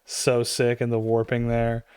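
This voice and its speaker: A man's voice: medium pitch, completely flat delivery, a little slow, a little mellow, clean tone, no echo, studio quality. A man chatting casually about comics, laid-back and full of "dude" and "like". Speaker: podcast co-host.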